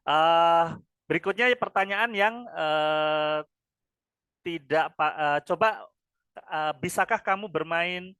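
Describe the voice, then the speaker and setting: A man's voice: a little high, slow, a bit bright, clean tone, no room sound. A man with an Indonesian accent teaching English grammar to a class, ending nearly every phrase with "ya" and drilling answers. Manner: repeats "ya" after each phrase, drills answers with students.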